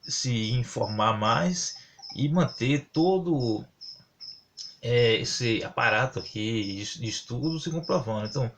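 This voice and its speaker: A man teaching a casual grammar lesson, halting often to correct himself as he works through examples. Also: mid-range voice, animated, a bit bright, a little hiss or hum. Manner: halting, many fillers and self-corrections, explains with examples.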